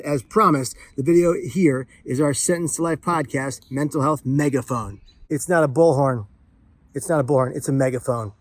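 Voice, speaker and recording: With a fairly high-pitched voice and no echo, a man does an excited, casual vlog chat as he opens a parcel. His delivery is exuberant, playful, and emphatic.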